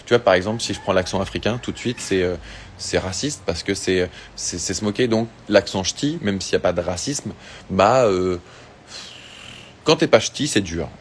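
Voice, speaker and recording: Casual man, low voice, chatty live-stream host reading fan questions, faint ambience behind. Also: moderate pace, a little hiss or hum. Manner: chatty, laid-back, with many fillers and restarts. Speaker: singer doing an Instagram live. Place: outdoors or open space in Tahiti. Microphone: phone.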